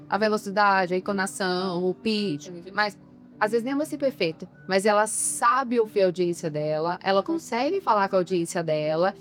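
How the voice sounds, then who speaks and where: A woman who coaches people on public speaking, talking emphatically in an interview and often asking rhetorical questions. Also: medium pitch. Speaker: communication coach. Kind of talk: podcast interview.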